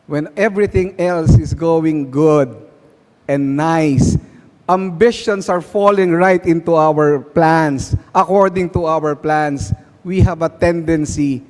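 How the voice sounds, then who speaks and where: A man's voice: fairly high pitch, slow, a little mellow. Filipino man preaching in a reverberant hall. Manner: switches between Tagalog and English, asks the crowd questions. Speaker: guest preacher. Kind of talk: sermon at a prayer meeting.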